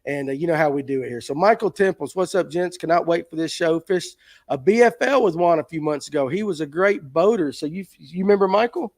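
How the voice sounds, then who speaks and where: A man's voice: fairly high pitch, lively intonation, no room sound, studio quality. A man hosting a fishing podcast in an easygoing, joking way. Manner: joking, easygoing, quick to chime in. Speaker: podcast host. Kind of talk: casual podcast interview.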